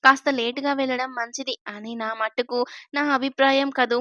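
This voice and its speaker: A woman's voice: high-pitched, fairly even intonation, normal speed, sharp tone, no echo, studio quality. Woman voicing a teasing young man in love.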